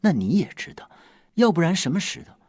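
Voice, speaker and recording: An actor playing a lovesick king in a costume TV drama, wheedling and self-pitying, swinging from loud outbursts to hushed asides. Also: high voice, sing-song, fairly quick, husky, no echo, clean studio sound, full character voice. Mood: brooding. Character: lovesick grumbling male king, middle-aged.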